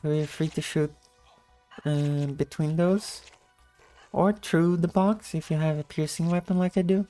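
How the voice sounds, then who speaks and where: A woman with a low-energy, just-woke-up morning voice giving a casual gameplay tutorial in commentary style. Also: steady tone, unhurried, warm tone, soft background music. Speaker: video game guide narrator.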